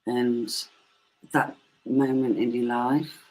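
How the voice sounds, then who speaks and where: A woman's voice: extremely low pitch, flat delivery, takes it slowly, a little mellow, poor audio. A woman in her forties chatting as a guest, often asking for agreement. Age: 40s. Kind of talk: casual chat.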